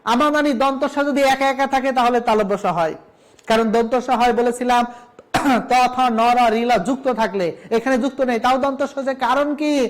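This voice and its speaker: A man's voice: very high-pitched, moderate pace. A man from Bangladesh, a college lecturer giving a recorded lesson, emphatic as he drills word lists and repeats his instructions.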